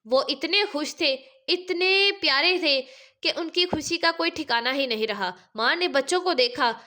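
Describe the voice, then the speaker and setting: High, bright-voiced woman storyteller. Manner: emotive, dramatic. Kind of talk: scripted story narration.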